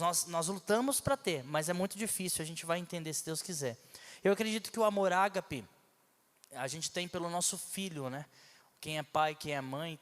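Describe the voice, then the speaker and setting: A man's voice: sits high, a bit bright, long reverb tail. A man preaching a sermon in a conversational, teaching way, with asides and rhetorical questions, from a church pulpit. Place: church hall.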